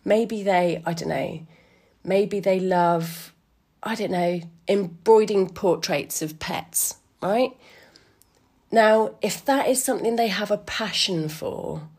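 A woman's voice: mid-range voice, slow pace, a little mellow, slightly rough. A woman with a slightly wheezy voice musing casually on her own as a podcast host, informal, chatty and enthusiastic. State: a bit wheezy today.

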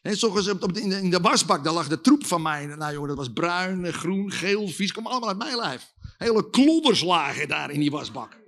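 A man preaching a sermon with testimony, leading lively call-and-response with the audience and shouting at the climaxes. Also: high-pitched, fairly quick.

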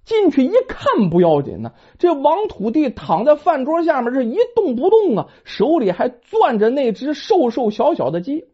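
A woman's voice: high voice, big pitch swings, normal speed, hardly any pauses, husky. A woman telling a folk tale in a dramatic, colloquial storytelling manner, in a dull lo-fi recording.

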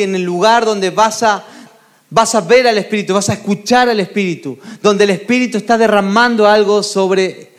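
A man preaching a sermon, his voice sitting notably high for a man. He speaks as a pastor, earnest and encouraging, and keeps checking in with his listeners as he goes.

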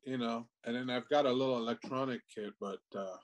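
A man's voice: medium pitch, fairly even intonation, rough recording. Easygoing man. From Texas. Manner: easygoing, halting, restarts phrases, casual swearing. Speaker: guest, tattoo artist. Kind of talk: casual interview chat.

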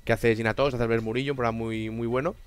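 A native Catalan speaker with a Catalan accent hosts a casual chat on his channel in a medium-pitched, steady, clear and resonant voice. He talks fast and jokingly, mixes languages, and swears now and then.

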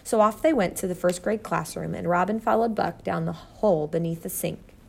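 A woman's voice: lowish voice, normal speed, vocal fry, breathy edge. A woman narrating a children's storybook steadily. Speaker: audiobook narrator.

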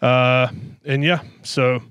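A man's voice: medium pitch, level tone, takes it slowly, heavy background noise. A man hosting a wrestling talk show in a casual, rambling way, worn out and out of breath. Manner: rambling, with many restarts and fillers. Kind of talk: casual chat.

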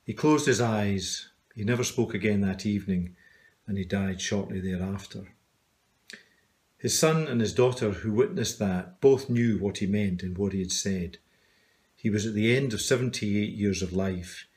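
Middle-aged man, lowish voice, earnest and measured, telling a reflective personal story. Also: darkish tone. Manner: measured, earnest, often slowing down. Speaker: video storyteller.

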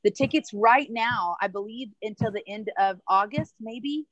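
A woman's voice: a little high, dry recording, dull audio. A woman who leads a women's ministry, talking enthusiastically and chattily on a video call from a marketplace. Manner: enthusiastic and chatty, quick asides. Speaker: ministry leader. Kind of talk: casual livestream chat.

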